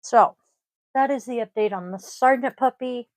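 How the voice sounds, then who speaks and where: A woman with a wheezy voice chats casually to viewers as host, rambling in a halting, self-deprecating way. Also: fairly high pitch, a little mellow, dry recording. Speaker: host of a divination vlog. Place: indoors at a desk.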